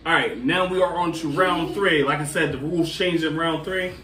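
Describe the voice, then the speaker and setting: A man's voice: fairly high pitch, moderate pace. A man casually hosting a challenge, addressing the group, counting down and explaining the rules. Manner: addresses a group with y'all and guys. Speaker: host of a candy challenge. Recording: echoey room, distant mic, background noise.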